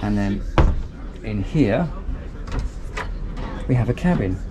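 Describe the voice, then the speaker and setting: A man's voice: lowish voice, lively intonation, takes it slowly, noisy background. Upbeat man touring a boat on camera. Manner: chatty, upbeat, thinking aloud as he goes. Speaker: boat reviewer giving a walkthrough tour. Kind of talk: casual walkthrough vlog. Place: outdoors on a marina pontoon and inside a small motor boat cabin.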